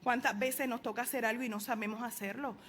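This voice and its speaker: High-voiced woman preaching. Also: fairly even intonation, fast talker. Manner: preaching with emphatic rises and soft asides. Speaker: pastor. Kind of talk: sermon.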